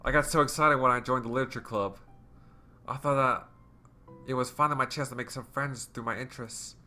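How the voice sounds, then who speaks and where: A man reading the hesitant, halting confession of a shy, self-loathing teenage girl from a game. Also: medium pitch, fairly even intonation, bright, forceful tone, soft background music. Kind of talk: reading game dialogue aloud.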